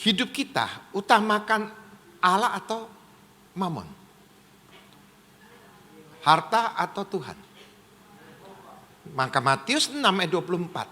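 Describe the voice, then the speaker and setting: A man's voice: high voice, big pitch swings, slow, pauses often, sharp tone. A man preaching a sermon to a congregation with emphatic calls for amens and applause, recorded in a church. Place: large church hall. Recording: church hall reverb.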